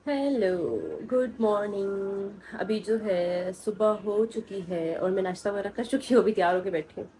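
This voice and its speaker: A woman's voice: medium pitch, normal speed, dark tone, rough recording. Chatty Pakistani woman vlogging at home. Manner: chatty, coos affectionately at small children. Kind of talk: casual home vlog chat. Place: family home indoors.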